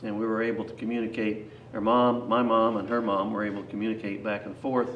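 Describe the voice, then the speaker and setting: A man's voice: on the low side, little pitch movement, quick pace, highs cut off. An older man, a grandfather, telling an unscripted, rambling personal story in a folksy, plain-spoken way that often doubles back on itself. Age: 60s or older. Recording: echoey, distant mic, faint noise.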